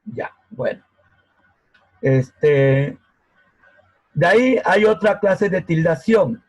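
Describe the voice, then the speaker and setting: A man's voice: high-pitched, expressive, drawn-out words, no echo, rough recording. A man teaching a grammar lesson over a video call, patient and often checking that students follow. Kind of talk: online grammar class. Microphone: laptop mic on a video call.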